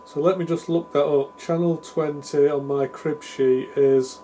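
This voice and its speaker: A man presenting hobbyist radio repair speaks in a slightly high, steady, unhurried, warm voice. He thinks aloud through a casual, improvised technical demonstration, tentative and self-deprecating. Background noise with hum runs under an otherwise clear recording.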